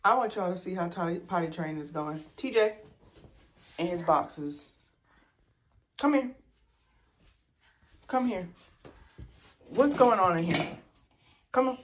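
In her thirties, a mom who is also a doctor chats casually to camera in her family vlog, treating viewers like friends. Her voice is on the low side and expressive, with a slow pace and long pauses. There's background noise and background music.

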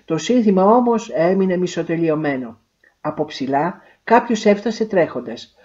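A woman narrating a literary short story in a measured, expressive way. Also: lowish voice, muffled recording.

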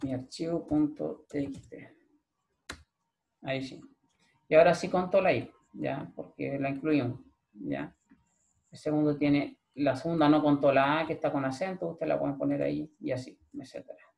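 Chilean man teaching with a gravelly voice. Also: on the high side, sing-song, moderate pace, a little mellow. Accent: Chilean Spanish. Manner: explains step by step, checks in with a frequent "¿ya?". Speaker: programming lecturer. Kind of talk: recorded screen-share class.

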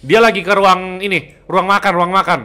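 A young man streaming a co-op horror game with friends, calling out directions in quick excited repeats. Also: high voice. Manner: excited, rapid repeated callouts. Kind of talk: casual co-op gaming chat.

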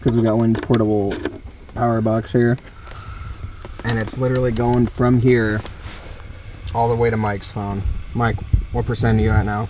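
A man's voice: fairly low pitch, level tone, normal speed, long pauses. A man joking and rambling casually with friends while filming a camping vlog outdoors at night. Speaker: vlogger filming camping trip. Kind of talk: casual chat among friends. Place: outdoor campsite at night under a canopy. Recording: distant mic, faint outdoor noise.

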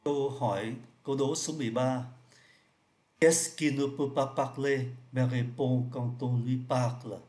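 A man's voice: medium pitch, fairly even intonation, darkish tone. Patient man explaining French riddles. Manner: patient, repeats each point, slows down for French words. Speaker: French teacher.

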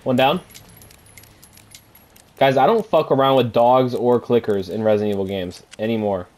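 A man's voice: medium pitch, moderate pace, darkish tone, slight background noise. A man streaming a horror game with live commentary, sounding scared and panicky, in casual slangy talk with swearing.

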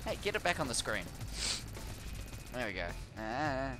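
A young man narrates his shooter game in a lively, bouncy voice, making silly gun noises and tossing out swears as he goes. His pitch rises and falls a lot, and clear game music plays behind him. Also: unhurried. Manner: playful, chatty, makes gun noises and swears. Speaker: gamer playing a shooter. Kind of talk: casual let's play commentary.

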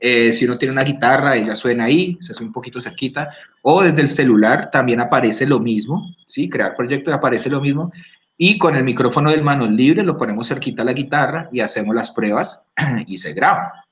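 A man giving a casual screen-recorded app tutorial, explaining step by step, often checking in and clearing his throat. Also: mid-range voice, a little fast, fairly bright tone. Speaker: workshop instructor. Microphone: computer or phone microphone.

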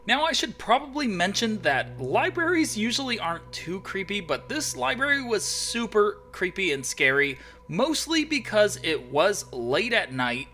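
A man's voice: high voice, very animated, normal speed, sharp tone. A man telling viewers a story as a vlogger, in a raised, projected, emphatic voice.

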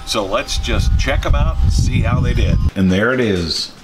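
Loud music plays behind a man's medium-pitched, expressive voice at normal speed. In his sixties, he hosts a home cooking channel, filming a casual video in his kitchen and on the backyard patio with folksy charm and joking asides.

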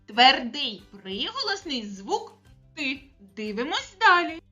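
A preschool teacher with a Ukrainian accent giving a remote literacy lesson, speaking slowly and clearly to small children in an encouraging way. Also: female voice, high-pitched, big pitch swings, bright, forceful tone, faint music behind.

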